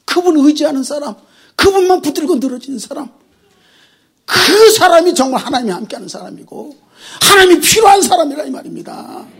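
A pastor preaching a sermon, repeating phrases and firing rhetorical questions, swinging from near-whispers to shouts. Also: sits high, husky.

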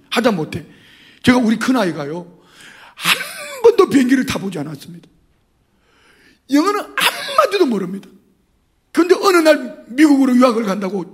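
Man, middle-aged, pastor, sermon, high-pitched, animated storytelling, loud-soft swings.

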